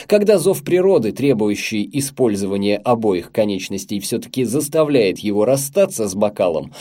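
A man narrating an audiobook in a calm, dry storytelling manner. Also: medium pitch.

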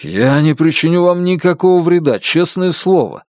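A man playing a calm, firm police detective. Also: on the high side, moderate pace, dry recording, studio quality, pitched above the performer's own voice, lightly acted. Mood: steady urgent. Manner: firm, reassuring.

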